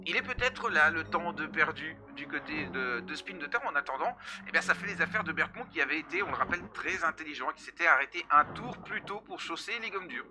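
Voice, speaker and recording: A man doing live motorsport commentary on a sim race, with clear noise behind him. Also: fairly high pitch, lively intonation, brisk. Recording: clearly noisy background.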